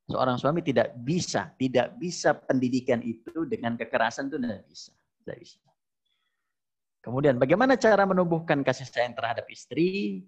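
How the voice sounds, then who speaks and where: A man giving a lively sermon as a preacher, who acts out quoted husbands and wives in a raised voice. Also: medium pitch. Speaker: Islamic preacher. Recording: dull lo-fi recording.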